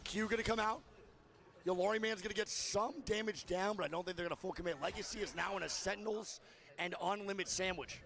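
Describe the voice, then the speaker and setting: High gravelly hyped man casting esports. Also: a bit bright. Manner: hyped, swearing, rapid play-by-play. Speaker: streamer co-casting a watch party. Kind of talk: excited esports co-commentary.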